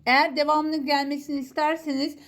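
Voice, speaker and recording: A woman teaching a Quran reading lesson, slowly and patiently sounding out letters one by one. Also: high-pitched, flat delivery. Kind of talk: slow recitation lesson.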